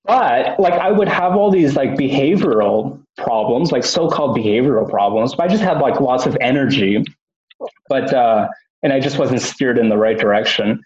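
A man's voice: mid-range voice, expressive, normal speed, a little mellow. A man talks casually as a podcast guest, from Canada, full of fillers and false starts. His voice sits mid-range and comes through a roomy space with a dull, muffled lo-fi quality. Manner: rambling, lots of fillers and restarts. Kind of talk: casual chat.

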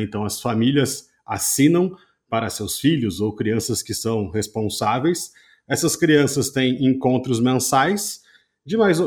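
A man's voice: medium pitch, darkish tone. A man with a Brazilian Portuguese accent speaking as a podcast guest in a conversational, methodical, explanatory way. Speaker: podcast guest, games education entrepreneur.

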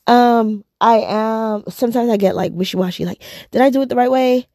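A woman's voice: fairly high pitch, steady tone, brisk, dark tone, no room sound, studio quality. A woman in her thirties chatting casually to camera, rambling and repeating herself, tired and yawning. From United States. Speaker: vlogger.

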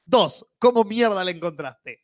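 Sarcastic high-voiced Argentine man. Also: expressive, a little slow. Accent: Argentine Spanish. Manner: sarcastic, swearing banter. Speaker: podcast co-host. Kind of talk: casual chat.

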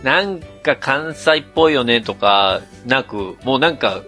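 A man from Mie co-hosting a podcast in casual chat, animated and laughing as he complains. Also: mid-range voice, a little slow, faint music behind. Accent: Kansai-leaning Mie dialect. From Mie, Japan. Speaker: podcast co-host.

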